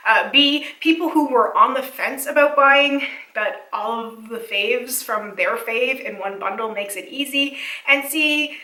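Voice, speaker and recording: A woman giving a casual, analytical video essay commentary, chatty with many fillers, her voice slightly hoarse and cracking. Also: a little high, pushed and bright, reverberant, far from the mic, low-quality recording.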